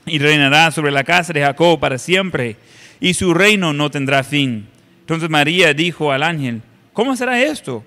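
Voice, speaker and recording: A man's voice: fairly high pitch, bright, forceful tone. Man preaching in a reverberant hall. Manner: halting, conversational, many filler sounds. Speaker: pastor. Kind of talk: sermon with scripture reading.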